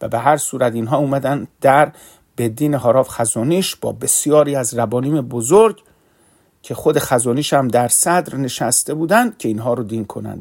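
A man's voice: mid-range voice, a little mellow. A man giving a sermon in Persian, telling a moral story in an earnest way and acting out the quoted lines.

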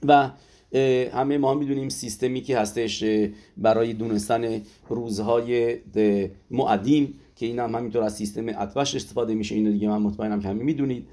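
A man giving a spoken religious lesson, pausing often with filler sounds as he explains. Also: medium pitch, fairly even intonation, warm tone. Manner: hesitant, many filler sounds. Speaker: religious teacher. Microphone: audio-only recording.

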